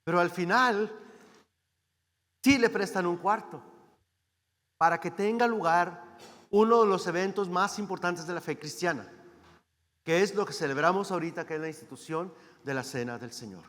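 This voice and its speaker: A man's voice: sits high, moderate pace, long pauses, a bit bright, in a large hall. A man preaching a sermon as a guest speaker, talking in a conversational way and often asking the congregation questions. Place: church hall.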